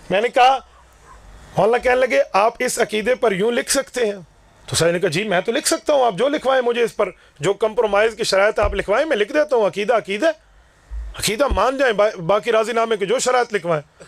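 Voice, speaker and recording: A man preaching a fiery sermon to a gathering, declaiming forcefully and acting out both sides of his own stories. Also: sits high, dry recording. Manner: forceful, declaiming, acts out dialogues. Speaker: Islamic preacher.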